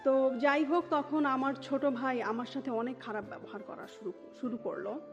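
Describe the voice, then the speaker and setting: A high-pitched woman in her thirties keeps a steady tone and moderate pace while telling her life story in an interview. Her accent is from Dhaka, Bangladesh, and she blends English words into her Bengali. The recording is muffled and dull, with music in the background.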